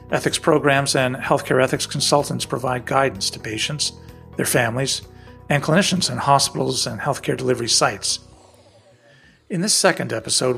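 A man's voice: mid-range voice, gravelly, slightly rough. A man hosting a podcast, reading a scripted introduction and asking prepared questions. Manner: reads steady prepared lines and questions. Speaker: podcast host.

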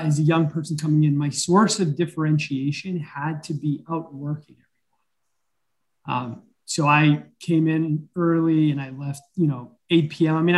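A man speaks over a video call, talking through his work as a bank president. His voice sits a little high, and he takes his time, filling pauses with ums and the odd throat-clear. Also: low-quality recording. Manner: unhurried, with frequent fillers and throat-clearing. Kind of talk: interview answers.

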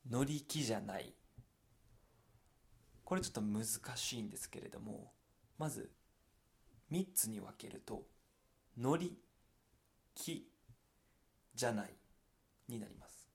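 A man's voice: medium pitch, expressive, unhurried, creaky, long pauses, slightly rough. A man with a Kansai accent teaching his dialect to learners, explaining step by step and adding English glosses. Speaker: language teacher.

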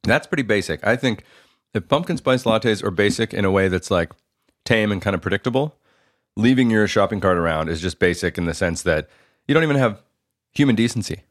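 A man's voice: fairly low pitch, lively intonation, brisk, no room sound, studio quality. A man, co-hosting a casual chat podcast, joking and talking between bites of food. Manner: joking, talks while eating. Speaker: podcast co-host.

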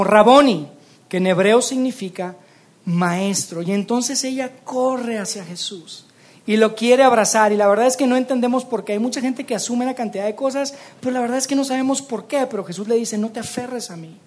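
Husky-voiced woman preaching. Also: medium pitch. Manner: expressive storytelling, acts out quoted lines. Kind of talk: Easter sermon.

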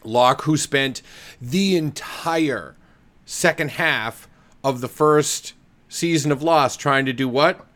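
A man's voice: mid-range voice, slow, fairly bright tone. A man co-hosting a podcast in casual chat, laid-back, with short agreeing replies and dry asides. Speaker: podcast co-host. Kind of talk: casual chat about a TV episode.

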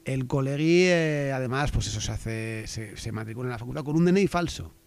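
A man's voice: medium pitch, brisk, no echo. A man hosting a casual satirical podcast, joking and rambling with lots of fillers and restarts. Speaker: podcast host.

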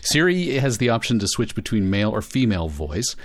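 A man's voice: on the low side, big pitch swings, a little fast, no echo. A man co-hosting a tech podcast, joking and chatting casually. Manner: playful, joking. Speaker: podcast co-host.

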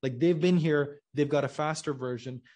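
A man's voice: a little high, moderate pace, a little mellow. A man from Pakistan, a company co-founder guesting on a podcast, explaining patiently and checking in with his listener. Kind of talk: casual conversational interview.

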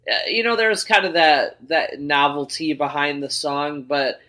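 On a casual podcast, a male co-host rambles through old memories, stumbling into frequent fillers and restarts. His fairly high voice sounds pushed and bright, holding a steady tone at a moderate pace.

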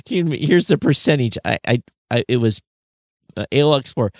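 A man co-hosting a podcast chats casually about industry figures, chuckling often and reading out numbers off the cuff. His medium-pitched voice is sing-song at a normal speed. The sound is clean studio quality with no room sound.

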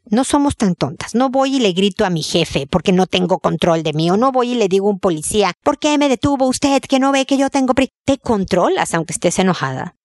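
A woman's voice: mid-range voice, a little mellow, no room sound, clean studio sound. A woman hosting an advice show, talking straight to a listener in a direct and emphatic way. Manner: direct, emphatic, often repeats the listener's name.

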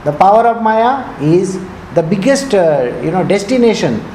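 A spiritual teacher with a South Indian accent gives an informal discourse, didactic and conversational, often checking that listeners understand and switching between English and Hindi. His voice is high-pitched, animated, and dark in tone at a moderate pace. The echoey room has faint noise.

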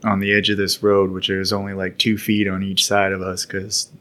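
A man's voice: low voice, monotone, moderate pace, bright, forceful tone. A man casually recounting stories from his military service on a podcast, in a rambling, laid-back way with occasional laughs. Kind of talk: casual storytelling.

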